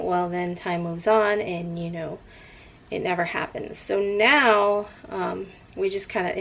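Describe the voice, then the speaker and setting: Middle-aged female vlogger, lowish creaky voice, loose rambling conversational delivery, some background noise. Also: low-quality recording. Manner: rambling, often drifting off topic and picking the thread back up. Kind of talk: casual rambling chat.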